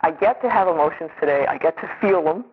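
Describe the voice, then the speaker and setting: A woman's voice: low voice, quick pace, breathy edge. A middle-aged woman giving an earnest, rambling personal testimony, often restarting her sentences as she speaks. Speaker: speaker sharing a recovery story. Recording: tinny phone-like recording.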